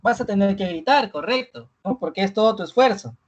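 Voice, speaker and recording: Speaking in a mid-range voice with lively intonation, a teacher runs a live online review session, closing almost every phrase with "¿no?" and stressing important words by repeating them slowly. The high frequencies are cut off.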